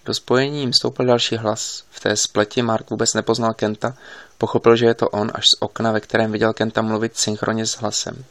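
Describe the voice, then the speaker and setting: A man narrating an audiobook in a steady, even reading. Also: fairly low pitch, no echo.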